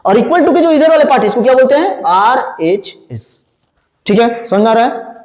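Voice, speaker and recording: A male math teacher with a high, sing-song voice that leaps up and down as he quizzes his class. He keeps asking a question and supplying the answer himself. The sound is roomy, with a long reverb trailing after his words. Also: lively intonation, quick pace, darkish tone. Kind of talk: classroom lecture. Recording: echoey room with long reverb.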